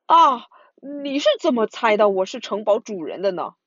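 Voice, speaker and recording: Storybook role: woman playing a flustered toothless monster, husky voice, lo-fi. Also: mid-range voice, wildly swooping pitch, unhurried, no echo, heavily acted. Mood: startled. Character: toothless horned monster, castle owner, playful.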